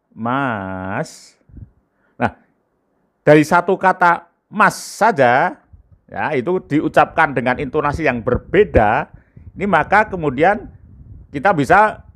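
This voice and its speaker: A middle-aged man giving a spoken lesson on speaking skills, lively and emphatic, often filling pauses with short "ya" and "eh" sounds. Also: on the high side. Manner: lively, emphatic, stretches key words; frequent filler "ya" and "eh". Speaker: communication trainer.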